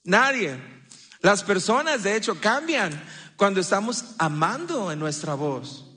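A man's voice: high voice, big pitch swings, measured pace, sharp tone. A man preaching a sermon as a pastor, mixing humor with teaching and acting out the lines people say. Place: church hall. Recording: live church hall reverb.

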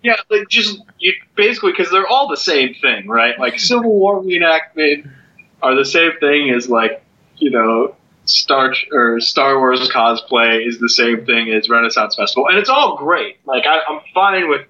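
A man's voice: mid-range voice, expressive, normal speed, bright, forceful tone, dull audio, a little hiss or hum. A man co-hosting a podcast, chatting casually and riffing wryly. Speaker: podcast co-host. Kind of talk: casual chat.

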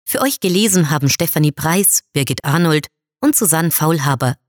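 A woman reading a short story in first person with expressive, wry delivery, then announcing credits. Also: deep voice, moderate pace, no room sound, clean studio sound. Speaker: story reader.

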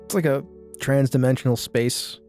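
A man playing in a tabletop role-play session, joking around in quick banter. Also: medium pitch, steady tone, a little mellow, soft background music. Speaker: player.

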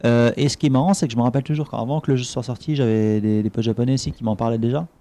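A man co-hosts a podcast in rapid, casual chat. His voice is dark and mellow, and his speech is full of fillers and quick restarts. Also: mid-range voice, steady tone.

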